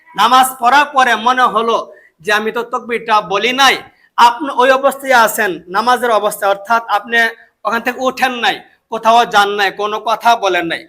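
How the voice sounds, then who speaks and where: A man's voice: high-pitched, sharp tone. A Bangladeshi man with a Bengali accent preaching a sermon, emphatic and repeating key phrases. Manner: emphatic, repeats phrases, chants takbir slowly.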